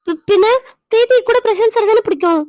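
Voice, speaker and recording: A woman voicing a quick-tempered young wife in a cartoon, scolding and demanding answers. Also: very high-pitched, darkish tone, dry recording. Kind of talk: cartoon voice acting.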